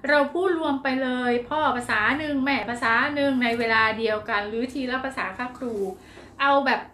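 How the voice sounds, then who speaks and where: A woman's voice: high-pitched, moderate pace, fairly bright tone, echoey room, a little hiss or hum. A woman child development teacher answering a parent's question, chatty and reassuring, explaining with everyday examples.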